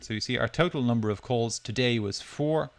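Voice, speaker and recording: Talking a little fast, a mid-pitched male presenter walks through software in a screencast tutorial. His narration is informal and loosely scripted, describing every step as he performs it.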